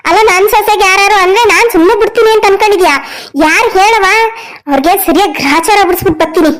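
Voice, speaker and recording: A woman voicing a fiery middle-aged village mother-in-law in a cartoon story, ranting in fast, rustic threats. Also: very high-pitched, rough recording. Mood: angry ranting.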